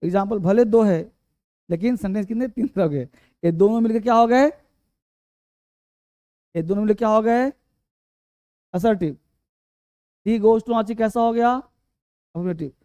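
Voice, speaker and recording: A man teaching an English grammar lesson, talking slowly, repeating key words and quizzing his students. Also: high-pitched, mellow, no echo.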